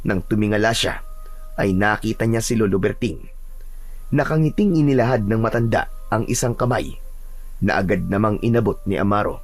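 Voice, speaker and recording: A man narrating a scripted horror story in a steady storytelling manner. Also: fairly low pitch.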